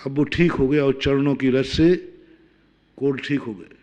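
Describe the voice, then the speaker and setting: A man from India, a Jain monk, preaching a sermon with emphatic rhetorical questions, swinging between loud and hushed delivery. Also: medium pitch, steady tone, a little slow.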